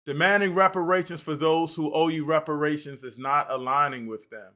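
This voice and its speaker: Bright-voiced male livestream host. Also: fairly high pitch, a little fast. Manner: animated, reads out and answers chat comments. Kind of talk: livestream talk reading chat comments.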